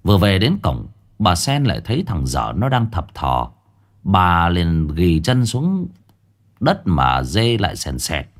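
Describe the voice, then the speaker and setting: Brief: male ghost story narrator, lower voice, vivid storytelling with a wide melody. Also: wildly swooping pitch, a little slow.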